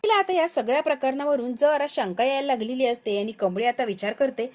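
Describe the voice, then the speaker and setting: High-voiced woman retelling a serial. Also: brisk. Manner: animated storytelling that voices the characters' lines. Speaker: serial review narrator. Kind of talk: retelling a TV serial episode with quoted dialogue.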